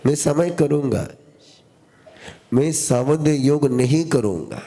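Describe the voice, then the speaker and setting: This sermon comes from a man teaching as a spiritual guide, his slightly high voice expressive, gravelly and mellow. He repeats short phrases slowly, call-and-response style, and tests his live audience with questions.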